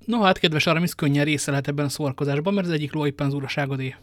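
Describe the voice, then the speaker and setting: Man doing D'Artagnan, brisk and teasing. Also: a little high, no echo, studio quality, close to an everyday voice. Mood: bantering. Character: young dashing male musketeer, bold and teasing.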